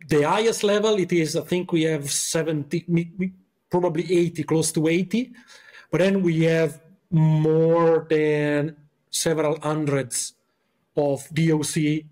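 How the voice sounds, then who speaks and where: A man's voice: fairly high pitch, fairly even intonation, unhurried, a little mellow. A man from Italy with an Italian accent, a podcast guest chatting casually and searching for words with many fillers.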